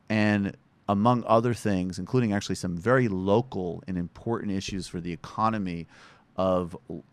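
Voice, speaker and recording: A man's voice: lowish voice, dry recording. A man from western Massachusetts hosting a podcast, giving conversational political commentary with wry asides. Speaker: podcast host.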